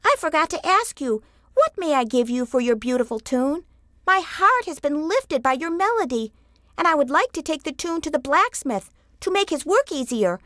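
A small, polite boy from a storybook begs for help in a high, bouncy voice , voiced by a woman narrator. His pitch leaps upward as he pleads. The sound is close and dry. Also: fairly bright tone, no echo, exaggerated voice. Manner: earnest, pleading.

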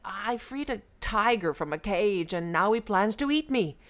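A woman's voice: medium pitch, animated, a little slow, pitched above the performer's own voice, close to an everyday voice. Woman playing a moaning doomed Brahmin. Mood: mournful. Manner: moaning, mournful. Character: sad, doomed, kind old male Brahmin.

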